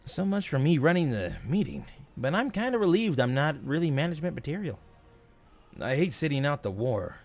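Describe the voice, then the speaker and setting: Man voicing chatty, high-pitched young Spider-Man. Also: very animated, a little fast, soft background music. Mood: sheepish. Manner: rambling, self-deprecating. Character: young, nervous, chatty wisecracking male superhero.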